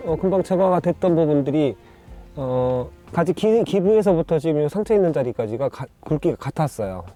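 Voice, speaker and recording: A man explaining bonsai pruning in a casual, halting way, full of fillers and restarts while he points things out, with soft music under his voice. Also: fairly high pitch, lively intonation. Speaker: bonsai grower. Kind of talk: casual instructional demonstration.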